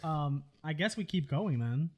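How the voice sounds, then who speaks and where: A man playing a tabletop game in casual chat. His voice sits a little high and swings about in a lively way. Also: unhurried.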